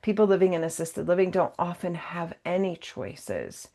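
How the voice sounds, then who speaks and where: Lower-voiced woman teaching yoga workshop. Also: big pitch swings, normal speed, mellow. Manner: casual, encouraging, checks in with "okay?"; acts out everyday exchanges in a playful voice. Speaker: yoga and mindfulness workshop presenter. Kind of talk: conversational training talk.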